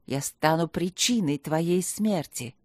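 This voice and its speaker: Woman voicing a slow whispering evil spirit. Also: low-pitched, no echo, clean studio sound. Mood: menacing whisper. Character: sinister disembodied male evil spirit.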